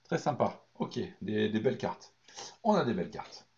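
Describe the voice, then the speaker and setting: A hoarse man chatting excitedly through a card pack opening, hesitating often between remarks. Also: on the low side, normal speed. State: hoarse, lost voice from shouting. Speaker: card collecting YouTuber. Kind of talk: unboxing commentary. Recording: dull lo-fi recording.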